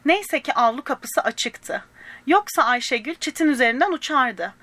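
High-voiced woman reading a children's story. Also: lively intonation, normal speed, no room sound. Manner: gentle, addresses young listeners directly; voices the characters' lines in small shifts.

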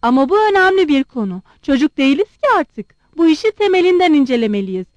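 A woman reading aloud and voicing a proud, blunt young woman who questions her suitor sharply and quickly. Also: high voice, big pitch swings, no room sound, muffled recording. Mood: sharp demanding.

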